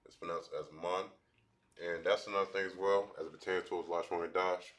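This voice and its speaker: A man teaching a language class at a board, talking in halting bursts with many restarts. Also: sits low, level tone, fairly bright tone.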